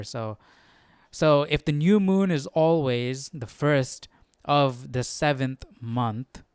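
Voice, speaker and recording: Hosting a Bible study livestream, a man thinks aloud casually in a tentative, self-questioning way, often ending sentences with "right?" His voice is medium-pitched and smooth, with no room sound.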